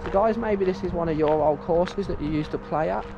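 Exploring an abandoned place outside, a man chats to his viewers, thinking aloud and repeatedly saying "guys". He speaks fairly quickly in a high voice. The muffled recording carries background noise along with music.

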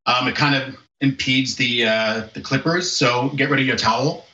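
Guy barber on a video call, bright voice, laughs a lot, roomy echo, kinda muffled. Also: mid-range voice, fairly even intonation, normal speed. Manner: laughs often, easygoing instructions. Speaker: barber giving a haircut lesson. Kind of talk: casual how-to demonstration over video call. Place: home room with sloped ceiling. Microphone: video call from far camera. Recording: echoey room, dull lo-fi call audio.

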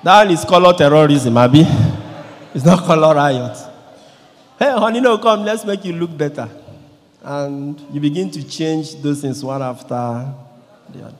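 Animated Nigerian priest in a reverberant church. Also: male voice, a little high, a little slow. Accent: Nigerian English. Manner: animated, acts out quoted voices, swings from loud to quiet. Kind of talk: lively sermon. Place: large church, indoors. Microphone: handheld microphone.

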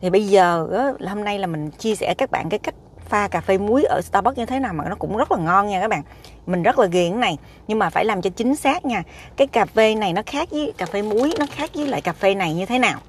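A woman's voice: mid-range voice, lively intonation, quick pace, husky. A woman, chatting emphatically to a dashboard camera while sitting in a parked car. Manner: chatty, emphatic, repeats "các bạn". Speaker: food vlogger. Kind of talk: casual chat to camera.

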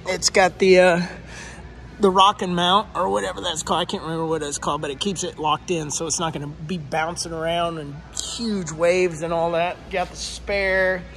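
Excited man touring a boat showroom. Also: sits high, moderate pace, slight background noise. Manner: excited, exclaiming, chatty. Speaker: fishing vlogger touring a boat. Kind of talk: casual walkthrough vlog. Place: large indoor boat showroom.

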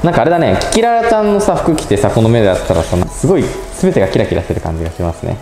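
A man's voice: mid-range voice, sing-song, racing, a little mellow. A young man chatting casually as he walks through a phone app step by step, politely narrating each move and thinking aloud. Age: young adult. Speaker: presenter of a robot pet channel. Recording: echoey indoor room with faint music.

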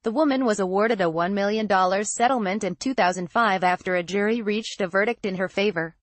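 A woman's voice: mid-range voice, brisk, dry recording. Woman reading news, dry close sound. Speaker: news narrator. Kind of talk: scripted news narration.

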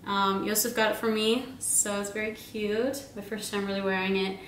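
Chatting about her grocery haul in her home kitchen, a giggly, bubbly woman in her twenties rambles on with many fillers. Her medium-pitched voice moves little in pitch, and she keeps a moderate pace. A camera a few meters away picks her up, so the room sounds spacious, with slight background noise.

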